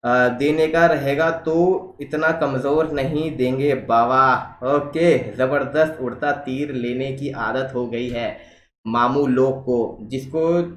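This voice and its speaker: A man's voice: mid-range voice, steady tone, takes it slowly, roomy sound, poor audio. A man hosting a reaction video, reading social media posts aloud and commenting on them in a casual way, mixing in English phrases.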